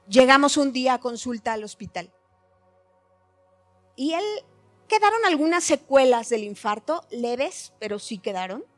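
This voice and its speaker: A woman's voice: high voice, animated, unhurried, long pauses, fairly bright tone, faint music behind. A middle-aged woman giving an earnest, heartfelt personal testimony at a church meeting.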